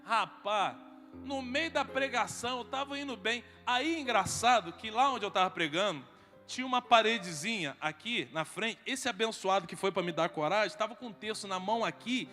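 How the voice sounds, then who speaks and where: In a large, reverberant hall at a men's congress, with faint music behind him, a preacher with a Brazilian Portuguese accent tells a funny sermon story and performs each line of dialogue. His high voice is expressive, pushed and bright, at normal speed.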